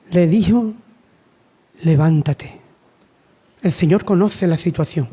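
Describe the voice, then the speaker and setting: High-voiced man preaching a sermon. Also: warm tone, slightly rough. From Spain. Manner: repetitive, exhortative, rhetorical questions.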